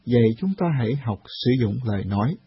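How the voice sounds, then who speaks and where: A man presenting a scripted radio talk programme, reading in a calm, measured way. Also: mid-range voice, breathy edge, dry recording. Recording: dull lo-fi radio recording.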